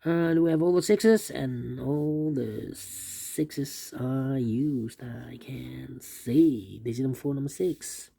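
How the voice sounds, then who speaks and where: Working through a puzzle at his desk, this sudoku teacher speaks in a dark, gravelly voice of middling pitch. His thinking aloud is steady and methodical, slow-paced with few pauses, and he mutters pairs of numbers to himself along the way.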